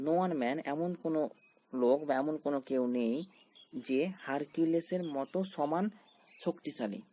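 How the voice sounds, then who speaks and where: Mellow, fairly high-voiced male teacher. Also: moderate pace, slight background noise. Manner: explanatory, asks and answers his own questions. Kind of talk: grammar lesson.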